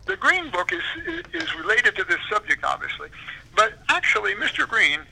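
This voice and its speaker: A man's voice: high voice, huge pitch swings, moderate pace, vocal fry, bright, forceful tone, breathy edge, low-quality recording. A man, an author and historian, answering interview questions in a rambling, digressive way.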